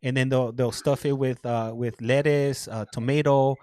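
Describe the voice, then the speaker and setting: On a prison video call, a Mexican American guest from Southern California keeps the chat casual, laughing a lot, tripping over repeated words, and dropping Spanish phrases into his English. He speaks at a moderate pace in a warm, steady, mid-range voice.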